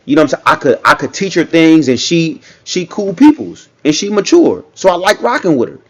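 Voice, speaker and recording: A man's voice: a little high, big pitch swings, a little fast, muffled recording. A man giving casual reaction commentary, talking in a loose, repetitive way and often checking in with the listener. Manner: conversational, repeats himself, frequent "you know what I'm saying".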